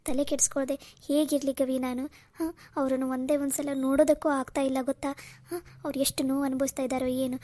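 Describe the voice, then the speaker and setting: A woman's voice: high voice, level tone, brisk, warm tone, dry recording, close to an everyday voice. A woman voicing a pleading tearful cartoon woman. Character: distraught young woman pleading for loved one. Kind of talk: Kannada cartoon voice acting.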